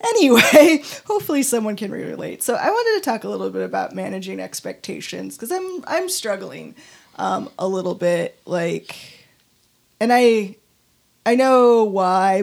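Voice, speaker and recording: A woman's voice: medium pitch, sing-song, moderate pace, creaky, a little mellow. A young woman hosting a casual podcast, chatting loosely and laughing often between thoughts. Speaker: podcast host.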